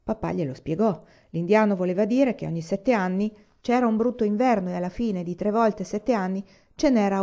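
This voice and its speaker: Mellow-voiced woman reading a story. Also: medium pitch. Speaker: reader. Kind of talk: audiobook narration. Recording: slightly dull lo-fi recording.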